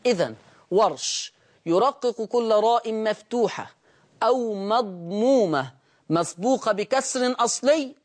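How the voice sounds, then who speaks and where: A man with an Egyptian accent hosting a televised Quran recitation lesson. He speaks slowly and deliberately, drawing out example words and asking his students rhetorical questions. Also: high-pitched. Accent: Egyptian Arabic. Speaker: Quran recitation teacher and show host.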